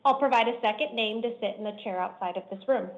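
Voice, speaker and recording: A woman judge runs the calendar from the bench in a measured, formal, deliberate manner. Her fairly high voice comes through a dull, lo-fi courtroom recording from a bench microphone.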